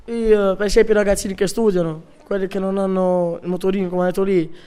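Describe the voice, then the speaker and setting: Teen boy w high clear voice, kinda hesitant, lots of pauses. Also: level tone, warm tone. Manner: hesitant, halting. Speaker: interviewee.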